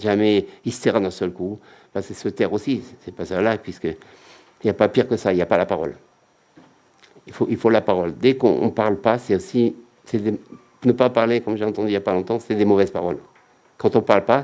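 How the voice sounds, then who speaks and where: A man's voice: on the low side, warm tone. A man giving a religious lecture as a rabbi, emphatic and repetitive, often acting out quotes.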